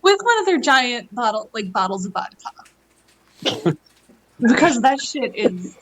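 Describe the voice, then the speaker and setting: A woman's voice: fairly high pitch, sing-song, takes it slowly, a crowd in the background, low-quality recording. A woman in her thirties, a podcast guest, joking about herself with lots of laughter and dramatic exclamations. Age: 30s. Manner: self-mocking, laughs a lot, dramatic exclamations. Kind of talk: casual chat.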